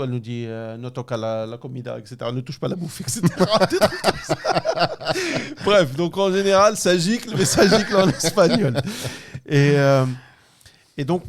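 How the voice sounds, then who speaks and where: Thirties man from Morocco, podcast co-host; frank, laughing storyteller with a somewhat high voice. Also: fairly quick. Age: 30s. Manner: animated storyteller, laughs often, slangy and frank. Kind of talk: casual chat.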